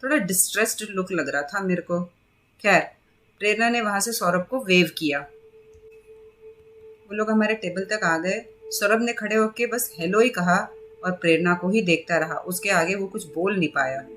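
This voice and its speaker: A woman's voice: medium pitch, normal speed, a bit bright, slight background noise. A woman narrating a novel in a conversational tone, making asides to her listeners. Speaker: book reviewer and reader. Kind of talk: storytelling narration.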